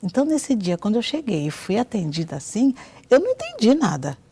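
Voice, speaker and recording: A Brazilian woman shares her personal testimony in a TV interview, speaking in a mellow, low-toned voice with a gravelly edge. She brings the story to life by acting out the voices of the people in it. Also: huge pitch swings, fairly quick. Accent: Brazilian Portuguese. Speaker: guest giving a testimony.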